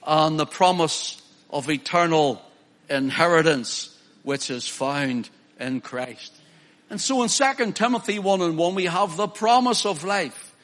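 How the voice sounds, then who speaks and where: A male preacher, his voice high and bright. He preaches emphatically, rising to loud declamations and dropping to soft, personal appeals. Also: a little slow. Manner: emphatic, swings from loud declaiming to quiet pleading. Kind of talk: sermon.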